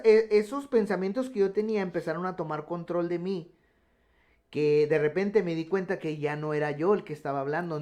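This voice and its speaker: A man's voice: a little high, a little mellow. A man telling his personal testimony on a radio program, earnest and full of restarts. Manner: earnest storytelling with many restarts. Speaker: guest giving testimony.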